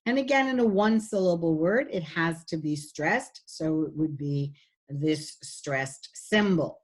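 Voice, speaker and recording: A woman giving a recorded phonetics lecture, patiently demonstrating sounds while sharing her screen. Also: low-pitched. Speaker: phonetics instructor.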